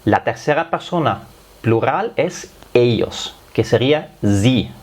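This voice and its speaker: Speaking slowly, with an expressive, darkish voice of medium pitch, this man walks through an explanatory language lesson one step at a time. German is his first language, which shows as a slight accent in his Spanish, and "es decir" turns up frequently.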